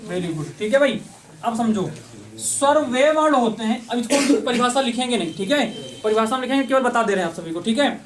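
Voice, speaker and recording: A man's voice: extremely high pitch, animated, fairly quick, a little hiss or hum. A man teaching an online exam-prep class. He asks questions and answers them himself, repeating the key points. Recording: voice somewhat distant from the mic.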